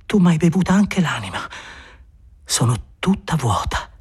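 A man voicing a passionate, playful young woman lover in a read-aloud novel, with a husky voice raised well above his own. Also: mid-range voice, lively intonation, measured pace, pitched above the performer's own voice. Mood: breathless. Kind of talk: audiobook character voice.

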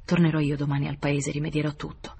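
Reader doing a kind old servant, soft and hushed, calming the kid down. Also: medium pitch, fast talker, creaky, slight background noise, natural voice. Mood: soothing. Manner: soft, reassuring, subdued. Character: old male servant, gentle and worried. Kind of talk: audiobook character voice.

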